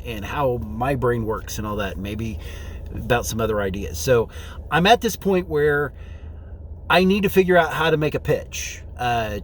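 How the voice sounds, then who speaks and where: A man with a mid-range voice rambles informally through a casual vlog, thinking aloud while recording on a phone inside a car. There's slight background noise along with faint vehicle ambience.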